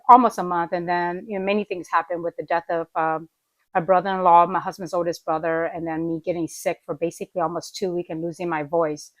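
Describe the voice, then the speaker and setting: Speaking into her laptop camera in a small living room, a woman in her forties rambles through an unplanned morning vlog, full of fillers and restarts. Her voice sits on the low side and is still coming back after being sick, with coughing. The audio is poor, with no room sound.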